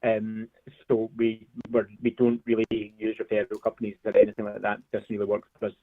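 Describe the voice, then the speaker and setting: A man's voice: on the low side, monotone, a little fast, dry recording. Hesitant man on a tinny phone line. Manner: polite, hesitant, with frequent ums. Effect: heard over a phone line. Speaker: business owner taking a cold sales call. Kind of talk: casual phone conversation.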